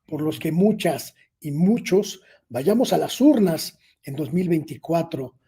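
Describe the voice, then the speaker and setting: A man, a guest journalist giving measured, emphatic political commentary with filler pauses. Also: fairly high pitch, animated, mellow, husky. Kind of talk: political commentary in an online interview.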